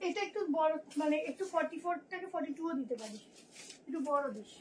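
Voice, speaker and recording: Very high-pitched hoarse chatty woman. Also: lively intonation, fast, a little hiss or hum. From Kolkata, India. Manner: chatty, nonstop talker. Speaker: boutique seller. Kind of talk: live sales showcase.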